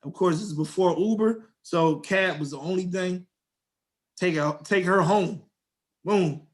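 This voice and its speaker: Young male co-host, high voice, animated slangy storyteller. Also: a little slow. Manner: animated storyteller, slangy, acts out quotes in a raised voice. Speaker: podcast co-host. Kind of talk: casual storytelling chat.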